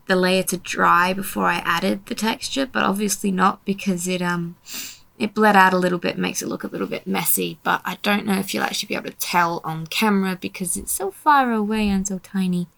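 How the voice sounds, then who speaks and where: A young artist narrates a casual voiceover about her painting, tired and yawning as she grumbles at herself self-deprecatingly. Her voice is medium in pitch, gravelly and a bit bright.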